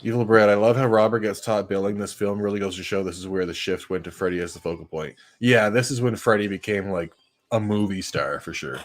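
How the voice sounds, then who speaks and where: A man's voice: on the low side, a little fast. A young man hosting a casual live watch-party stream, chatting and reading out viewer comments. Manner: relaxed, reads out viewer comments.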